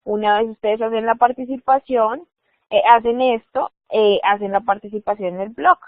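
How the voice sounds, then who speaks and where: A woman's voice: fairly high pitch, fairly even intonation, normal speed, no room sound. A woman in her thirties teaching an English class online, walking students through the steps and checking in with them often. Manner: instructive, checks in with "¿listo?". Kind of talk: online class screen walkthrough. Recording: dry, phone-like narrow sound.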